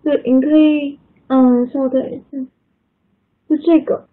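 A woman's voice: high-pitched, fairly even intonation, a little slow. A woman teaching English pronunciation in an online class, patiently correcting students and calling on them by name over video call. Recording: tinny online call audio.

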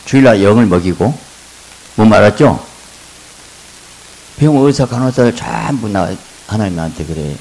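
Gravelly deep-voiced man preaching. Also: moderate pace, long pauses, low-quality recording. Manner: animated preaching, bursts of loud laughing exclamations. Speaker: pastor. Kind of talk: sermon. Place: church revival meeting hall.

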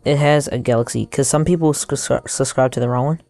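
A young man giving casual gameplay commentary into headphones used as a mic, haltingly thinking aloud as he goes. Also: mid-range voice, fairly even intonation, creaky, darkish tone, no room sound, studio quality, soft background music. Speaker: gaming YouTuber.

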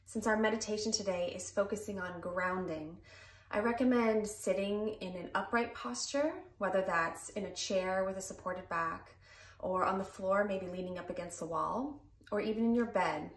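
A woman in her thirties leading a calm, gentle guided grounding exercise, unhurried and meditative. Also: medium pitch. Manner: calm, gentle, unhurried delivery with long pauses. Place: small plain room indoors. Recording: roomy echo, distant mic, music behind. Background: clear background music.

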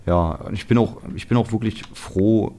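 Deep-voiced German man chatting over gameplay. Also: moderate pace, mellow. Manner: chatty, self-mocking, grumbling asides. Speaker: let's play host. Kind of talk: casual gameplay commentary. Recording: background music under voice.

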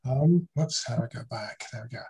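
A man's voice: mid-range voice, a little fast, creaky, dark tone. A man giving a conversational academic talk over a video call, asking rhetorical questions and correcting himself as he goes. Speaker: conference speaker.

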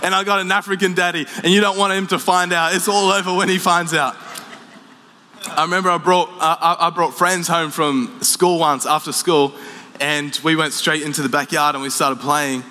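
A man's voice: on the high side, steady tone, moderate pace, sharp tone. A young man preaching a sermon as a pastor, mixing scripture with casual storytelling. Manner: casual storytelling, laughs at his own stories. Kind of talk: sermon with personal anecdotes. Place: large church auditorium. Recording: live in a reverberant hall.

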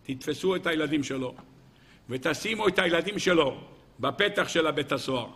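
A man playing a cold, scheming male intelligence chief in a story within a sermon, speaking low, hushed and quick. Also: lively intonation.

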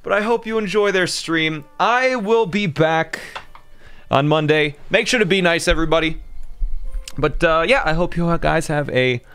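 A man's voice: a little high, moderate pace, a bit bright, clean tone. A young man streaming a game in casual chat, joking and rambling, sounding tired and groggy. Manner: chatty, joking, trails off and restarts. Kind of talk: casual livestream chat over gameplay.

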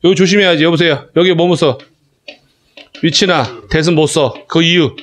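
A man teaching a class of students, talking in a casual, animated way, calling on students by name and checking they follow. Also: on the high side, normal speed. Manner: animated, calls students by name, asks "그지?" often. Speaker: academy English teacher. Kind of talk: classroom lecture.

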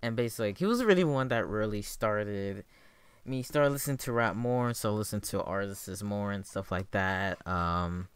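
A young man talking like a frat bro, slangy and hyped, giving excited casual reaction commentary. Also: on the low side, moderate pace, smooth, dry recording. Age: young adult. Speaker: music reaction video maker.

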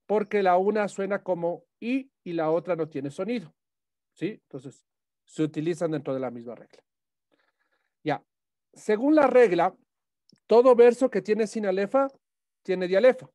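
A man with a fairly high voice teaches a class, laying out rules one step at a time. He keeps checking that students follow with short questions. The sound is dry and close, with little room to it. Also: mellow, dry recording. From Ecuador. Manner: explanatory, checking in with frequent "¿sí?". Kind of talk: classroom lesson on poetic meter.

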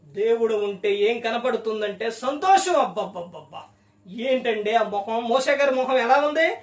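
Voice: mid-range voice, a little slow, roomy sound, recorded from a distance. A preacher giving a sermon, firing rhetorical questions at the listener.

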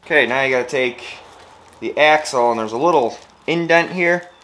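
Working in his home garage workshop, a thirty-something man explains how to assemble a trailer, step after step, in a relaxed vlog style. He speaks at a normal speed with a medium-pitched, slightly bright voice, and the recording picks up garage noise.

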